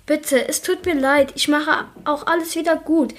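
A woman's voice: high-pitched, steady tone, moderate pace, pitched above the performer's own voice, lightly acted. A woman voicing a clumsy, anxious schoolboy in a storybook reading, talking hurriedly and pleading.

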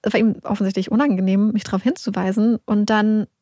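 A woman co-hosting a podcast, telling embarrassing stories in an animated, self-mocking way. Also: medium pitch, fast talker, dry recording. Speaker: podcast co-host. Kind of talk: casual podcast chat.

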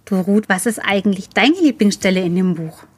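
A woman's voice: medium pitch, expressive, brisk, slightly rough. A woman hosting a library book podcast, asking the author friendly questions.

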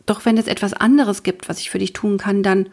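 A woman doing a timid grown-up detective in an audiobook, halting and mumbling as he goes. He trips over his words and trails off again and again. The voice carries a husky, slightly gravelly grain. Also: mid-range voice, fairly even intonation, a little mellow. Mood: bashful. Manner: stammering, mumbling, hesitant. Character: shy stammering male detective, adult. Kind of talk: audiobook character voice.

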